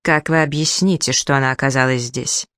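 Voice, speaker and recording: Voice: medium pitch, a little fast, clean tone, no room sound, studio quality, close to an everyday voice. A reader voicing an agitated elderly male Egyptologist who is obsessed with his mummy. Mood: accusing. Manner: excited, accusing, dwells on his mummy.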